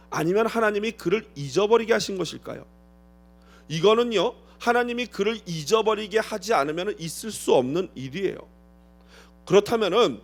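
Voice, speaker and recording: Speaking in a high-pitched voice, a male pastor delivers an expository sermon. He asks the congregation rhetorical questions, acting out quotations with sudden shifts between loud and soft.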